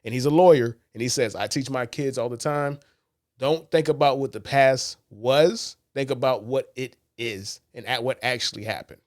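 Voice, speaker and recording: A man's voice: medium pitch, moderate pace, dry recording, studio quality. A man co-hosting a sports podcast in casual talk, blunt and profane, telling stories animatedly and quoting others. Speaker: podcast co-host.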